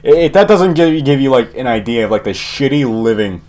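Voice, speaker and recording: A man's voice: medium pitch, expressive, a little fast, a little mellow. A young man casually telling a rambling personal story, swearing heavily and chuckling often. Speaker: channel host.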